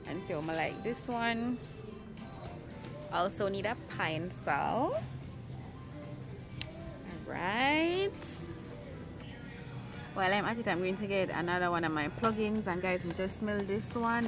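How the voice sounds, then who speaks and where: A young woman, chatting casually as she vlogs a grocery run, filmed on a handheld camera at arm's length. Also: medium pitch. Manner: chatty, loose grammar, thinks aloud. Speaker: vlogger. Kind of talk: casual vlog narration while shopping. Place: supermarket aisles, later a home kitchen. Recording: loud store music behind the voice. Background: store music.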